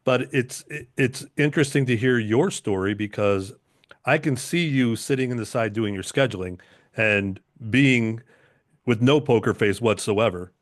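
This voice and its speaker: A man's voice: mid-range voice, moderate pace, no room sound. Male podcast host, dry close sound. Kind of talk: conversational interview.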